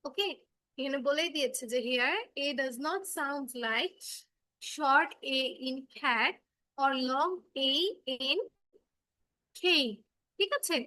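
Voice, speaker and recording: A woman's voice: high voice, extremely slow, long pauses, bright, forceful tone, no room sound. A woman teaching English phonics to children in a class, explaining patiently, repeating herself and checking that they understand.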